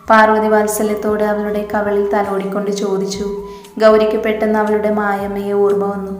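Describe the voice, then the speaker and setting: Woman narrating a novel in an echoey hall. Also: mid-range voice. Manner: steady reading. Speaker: story narrator. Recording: echoey room with long reverb. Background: faint music.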